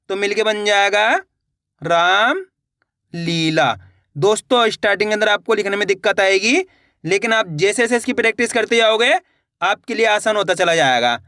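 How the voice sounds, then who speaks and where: A man teaching reading who sounds each syllable out slowly and talks to viewers as friends. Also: high-pitched, sharp tone, no room sound, clean studio sound. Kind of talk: slow spelled-out reading lesson.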